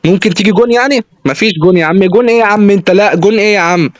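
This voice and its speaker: A young Egyptian man giving excited commentary over his own football video game play, cheering, groaning and arguing with the game. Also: high-pitched, very fast, no room sound. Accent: Egyptian Arabic. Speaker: gaming YouTuber. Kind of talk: live gameplay commentary.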